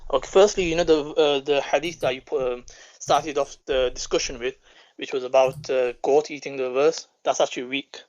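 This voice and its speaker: A man calling in to a debate, measured and hesitant, often pausing with fillers. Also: medium pitch, steady tone, darkish tone, lo-fi sound. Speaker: caller. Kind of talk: call-in debate.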